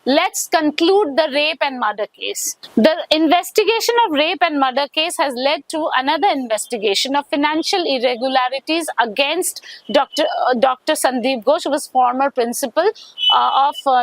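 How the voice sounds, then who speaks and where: A woman with an Indian accent giving an investigative news report in a halting way, often repeating and rephrasing. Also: high voice, animated, dry recording, rough recording.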